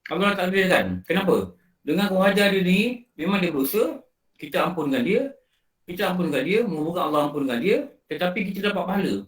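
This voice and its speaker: Animated Malaysian Malay preacher, roomy distant sound. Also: male voice, high-pitched, fast talker. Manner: animated storytelling, acting out film scenes. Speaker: religious teacher. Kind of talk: online Islamic lecture.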